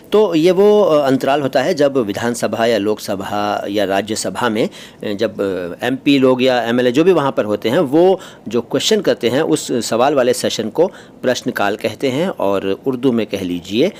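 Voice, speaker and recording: Male language tutor, medium pitch, animated intonation, unhurried explanatory delivery, recorded on a phone in a train with faint noise behind. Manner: explanatory, with frequent hesitations and pauses. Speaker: language teacher and channel host. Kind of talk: casual vlog-style vocabulary lesson. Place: inside a moving train.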